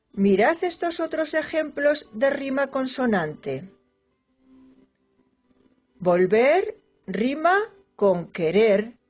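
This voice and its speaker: A woman with a Spanish accent reads a children's poetry lesson slowly, her pitch rising and falling widely as she stretches out the example words. Her voice is a little breathy, and the recording sounds dull, with soft music underneath. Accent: Spanish from Spain.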